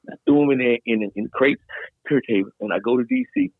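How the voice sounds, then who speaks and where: A middle-aged man, a guest DJ, telling a story in a loose, animated way, full of slang and fillers. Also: on the high side, fast talker, gravelly, breathy edge, dry recording. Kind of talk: casual storytelling in a podcast interview. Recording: dry, tinny phone-like sound.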